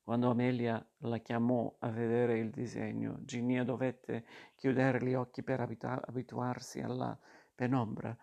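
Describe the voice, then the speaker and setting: A man reading a novel aloud, in a steady monotone with occasional restarts. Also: mid-range voice, moderate pace, creaky, dull audio. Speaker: reader.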